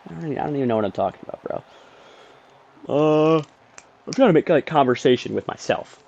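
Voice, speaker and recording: A man's voice: a little high, a little fast, vocal fry, highs cut off, slight background noise. Rambling young male gaming streamer. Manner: rambling, excitable play-by-play with frequent ums. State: sleepy, yawning. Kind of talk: casual gameplay commentary. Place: bedroom.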